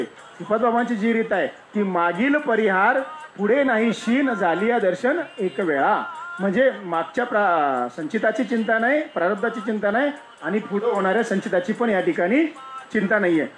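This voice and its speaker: Through a parable, this spiritual discourse speaker explains teachings, often posing rhetorical questions and answering them himself. His manner is explanatory and he repeats key points. The mid-range voice carries a little hiss or hum.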